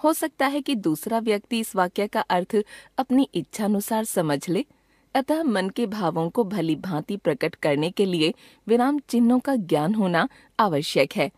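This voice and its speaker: A woman reading a grammar lesson as scripted textbook narration, measured and slow on each example sentence. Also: mid-range voice, expressive, a little mellow, dry recording, clean studio sound. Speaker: grammar teacher.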